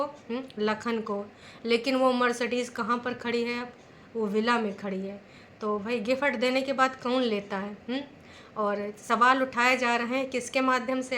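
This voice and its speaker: Chatty woman vlogger, slightly high voice. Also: a bit bright, slight background noise. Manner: chatty, rhetorical, asks "hmm?" often. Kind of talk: opinionated commentary vlog.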